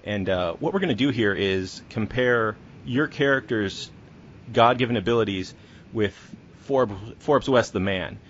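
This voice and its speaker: A writer who hosts a podcast interviews his guest in a relaxed, conversational way. His voice is on the low side and measured in pace, and the dull lo-fi recording carries slight background noise.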